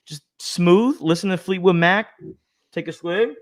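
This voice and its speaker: A man's voice: sits high, a little slow, no echo, studio quality. A man hosting a podcast in easygoing casual chat, chuckling often. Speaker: podcast host.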